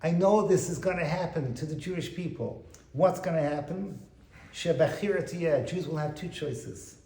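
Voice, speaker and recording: A man giving an animated Torah lecture as a rabbi, quoting Hebrew texts and translating them. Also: fairly high pitch, normal speed, roomy sound, rough recording. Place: private home.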